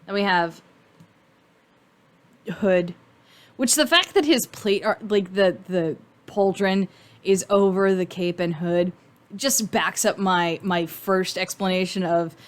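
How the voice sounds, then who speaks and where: A woman giving casual, rambling fan commentary on cartoon costume design, informal and thinking out loud. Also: medium pitch, slow, long pauses.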